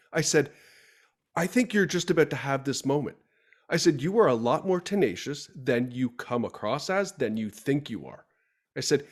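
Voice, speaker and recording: A man hosting a podcast, telling stories casually and acting out the dialogue he quotes. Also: mid-range voice. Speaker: podcast host.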